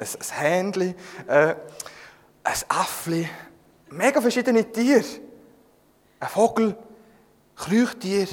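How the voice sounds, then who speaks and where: High-voiced Swiss German preacher, slow and echoing. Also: male voice. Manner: lively, humorous storytelling, addressing listeners by name. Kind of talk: sermon. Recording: long echoing reverb.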